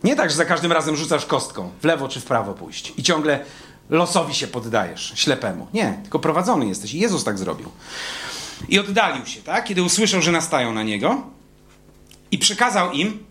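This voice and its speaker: A man preaching a sermon in an animated, emphatic way, stretching out key words. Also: high voice.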